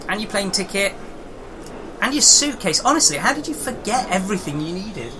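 A woman's voice: medium pitch, sing-song, a little fast, sharp tone, low-quality recording. A woman hosting a podcast in a casual, chatty style. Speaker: podcast host. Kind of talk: casual chat with light skit. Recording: clear background noise.

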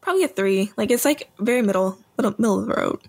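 A woman's voice: medium pitch, expressive, quick pace, a little mellow, husky. A young adult woman co-hosting a podcast, talking in a laid-back, dry, sarcastic way. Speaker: podcast co-host. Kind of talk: casual chat.

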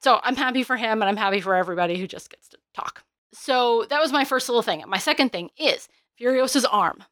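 A woman's voice: fairly high pitch, lively intonation, fast, a bit bright, no room sound. A woman co-hosting a podcast, chatting about a film trailer in an enthusiastic, talkative way. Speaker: podcast co-host. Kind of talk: casual podcast chat.

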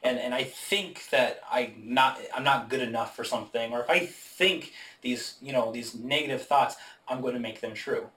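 A man's voice: mid-range voice, steady tone, moderate pace, few pauses, fairly bright tone. A man co-hosting a podcast, talking earnestly about faith and often repeating words as he gathers his thoughts. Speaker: podcast co-host. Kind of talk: casual faith discussion. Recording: echoey room, mic at a distance.

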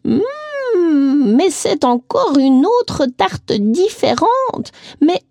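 A woman voicing a stubborn old lady who is grumpy and greedy for tart, her voice often rising very high and slowing into a drawl. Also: animated, dark tone, dry recording. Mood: delighted. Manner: squeals up high and drawls when delighted.

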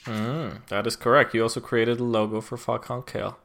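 A man hosts a podcast in a relaxed, easygoing way. He pauses often mid-sentence and speaks at a middling pitch. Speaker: podcast host. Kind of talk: casual chat.

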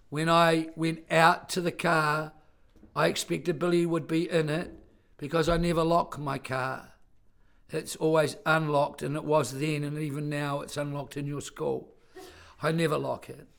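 A man's voice: fairly high pitch, vocal fry, fairly bright tone. An older man with a worn-out voice, telling a personal story to a class of children in a plain, earnest way. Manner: plain-spoken, earnest, rambling with self-corrections. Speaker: storyteller visiting a school class.

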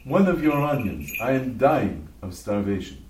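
A man's voice: mid-range voice, big pitch swings, moderate pace, darkish tone, a little hiss or hum, close to an everyday voice. A man voicing a starving, ragged beggar who pleads humbly for food. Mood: pleading. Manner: pleading, plaintive. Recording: echoey church from far off.

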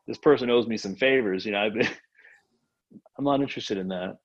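A man's voice: lowish voice, normal speed, dull audio. A man who grew up in Haiti, talking earnestly as a podcast guest about faith and generosity, full of fillers and restarts. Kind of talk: casual faith conversation.

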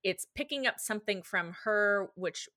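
A woman's voice: medium pitch, moderate pace, dry recording, clean studio sound. A woman co-hosting a podcast, chatting casually and animatedly. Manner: animated, laughs easily. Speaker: podcast co-host. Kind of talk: casual chat recapping an anime.

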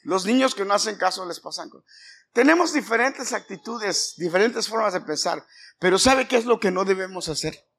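Man as a pastor, gravelly edge, sermon with lots of questions to the pews. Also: sits high, animated, normal speed, a bit bright. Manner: conversational, quizzes the congregation by name; acts out scolding dialogues with shifting voices.

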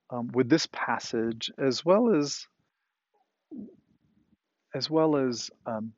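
Male pastor, mid-pitched voice, loose conversational preaching with repeated phrases, dry close sound. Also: a little mellow, no echo, dull audio. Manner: conversational preaching with fillers and emphatic repetition. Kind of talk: sermon.

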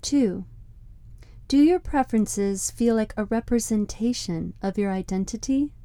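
A woman speaks as a reflective guide, with a fairly high but relaxed, warm-toned voice. Her delivery is scripted, deliberate and contemplative. The sound is very dry, with no room around the voice. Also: dry recording. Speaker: podcast host and meditation guide.

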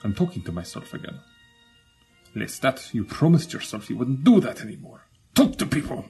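A man playing a melancholy, courteous immortal gentleman in a radio comedy drama, halting and formal, with a gravelly, breathy voice. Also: medium pitch, big pitch swings, faint music behind, exaggerated voice. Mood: melancholy, rueful. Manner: halting, formal, theatrically drawn-out.

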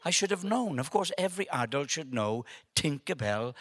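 A man's voice: fairly high pitch, normal speed. Older man telling a story. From Wales. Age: 70s. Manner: hesitant with many ums, animated when telling the story. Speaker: guest speaker at an event. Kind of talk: humorous storytelling speech. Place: in front of a live audience.

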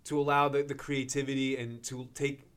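A man with a New York accent co-hosting a casual chat, animated, laughing easily and swearing casually. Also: mid-range voice, normal speed, smooth. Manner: does character voices. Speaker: podcast co-host.

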